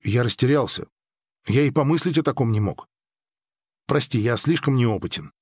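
A man's voice: medium pitch, animated, moderate pace, slightly rough, no room sound, clean studio sound. A man voicing a young, inexperienced dream-walker who talks defensively and a bit flustered.

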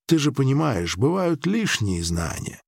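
An ancient, powerful dream-weaver who speaks in a measured, persuasive way with a faint dry irony, as a man reads him in an audiobook. The delivery swings widely in pitch. The sound is close and dry, with no room around it. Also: sing-song, gravelly, husky, no echo, heavily acted.

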